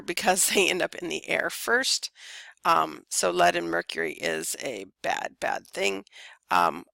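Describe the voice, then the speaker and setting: A woman's voice: lowish voice, gravelly, bright, forceful tone, no echo. A woman teacher giving a casual recorded lecture over slides, tired and yawning, with lots of ums. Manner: casual, chatty, many ums.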